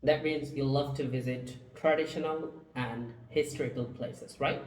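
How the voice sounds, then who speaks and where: Low, slow-speaking woman as test examiner, formal; recorded from a distance in an echoey room. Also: steady tone, a little mellow, slight background noise. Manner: formal, measured questioning. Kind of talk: scripted exam questions. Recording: echoey room, far from the mic.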